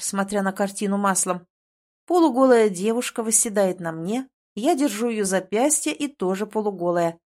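A woman's voice: mid-range voice, a little mellow. Woman narrating a wry audiobook. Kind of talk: first-person audiobook narration.

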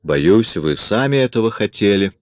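A man voicing a cold, mocking man in an audiobook, with a smooth, coolly taunting manner. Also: on the low side, expressive, normal speed, a little mellow, dry recording, lo-fi sound, voice pushed up, lightly acted. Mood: menacing. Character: cold, mocking man forcing himself on a woman. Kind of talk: audiobook character reading.

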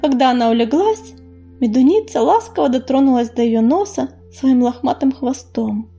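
A woman reads an audiobook in a calm, expressive style. Her voice is high and mellow. Faint music plays underneath. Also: moderate pace, creaky, breathy edge. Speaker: audiobook narrator. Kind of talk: scripted narration.

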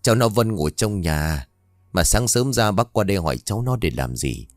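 A man's voice: lowish voice, lively intonation, normal speed, dry recording, studio quality, close to an everyday voice. A man voicing a puzzled village father. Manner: puzzled, questioning.

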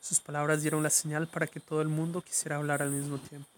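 Man narrating a story, measured reading, slightly high voice, flat melody, faint background noise.

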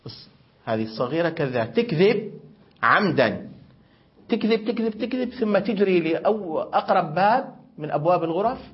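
A man's voice: high-pitched, big pitch swings, fairly quick, voice pushed up. A man voicing an indignant little girl telling on her sister. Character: small girl of five, tattling on her sister. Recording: muffled lo-fi recording.

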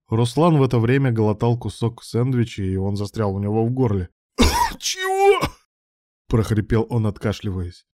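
A man reading a novel aloud as its narrator, in an even, matter-of-fact way. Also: fairly low pitch, dry recording, clean studio sound. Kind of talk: audiobook narration.

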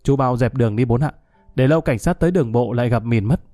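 A man voicing a soft-spoken gang boss who talks quietly and without hurry. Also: medium pitch, dry recording, faint music behind, natural voice. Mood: calm. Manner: quiet and unhurried.

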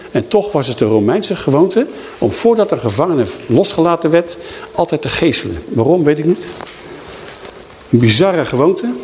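A man preaching a Bible teaching, telling the story in a lively way and voicing the people in it. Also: a little high, a little hiss or hum. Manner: lively storytelling, acting out quoted speakers. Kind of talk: sermon teaching.

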